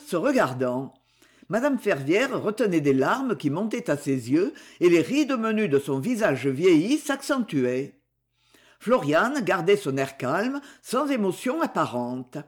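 An audiobook narrator giving a slow, expressive literary reading. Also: medium pitch.

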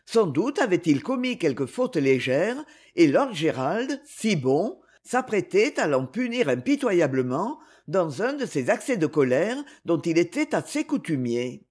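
A woman narrating a novel aloud in an expressive storytelling manner. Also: lowish voice, unhurried, few pauses, husky. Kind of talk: audiobook narration.

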